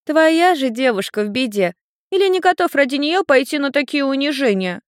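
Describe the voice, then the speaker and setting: A woman voicing a mocking, teasing little girl in a storybook reading, jumping high as she taunts. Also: animated, normal speed, no room sound, clean studio sound. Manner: taunting, laughing, rising high.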